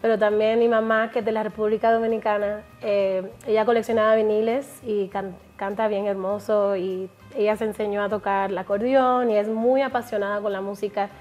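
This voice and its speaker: A woman's voice: mid-range voice, little pitch movement, a little fast, hardly any pauses, darkish tone, lo-fi sound, faint music behind. A middle-aged woman from Puerto Rico, a musician guest in a casual interview, who laughs often while she talks.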